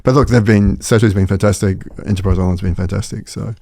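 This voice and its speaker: A middle-aged man with an Australian accent, a company founder telling his story as a podcast guest in quick, enthusiastic casual talk, often repeating phrases as he thinks. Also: lowish voice, fairly even intonation, vocal fry, warm tone, no echo, clean studio sound.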